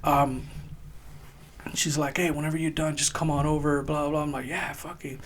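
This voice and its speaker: A man casually telling a rowdy army story on a podcast, swearing often and laughing as he acts out shouted quotes. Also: on the high side, flat delivery, moderate pace, slight background noise. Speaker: podcast co-host, army veteran.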